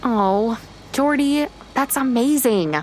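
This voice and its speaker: An actress playing an anxious, uptight young American bride-to-be and affectionate big sister in a naturalistic audio drama. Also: female voice, high-pitched, slow pace, slight background noise, low-quality recording. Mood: warm, proud. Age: young adult. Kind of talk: scripted audio drama, naturalistic dialogue and narration.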